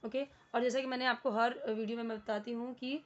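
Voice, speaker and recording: A woman's voice: fairly high pitch, steady tone, fairly quick, lo-fi sound. A woman with an Indian accent teaching beginner English, explaining a worksheet patiently and spelling words out letter by letter.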